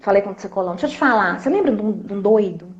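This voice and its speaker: A woman coach, telling a story in a lively chat and acting out the dialogue. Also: mid-range voice, very fast. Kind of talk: live-stream conversation, storytelling. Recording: dull lo-fi live-stream audio.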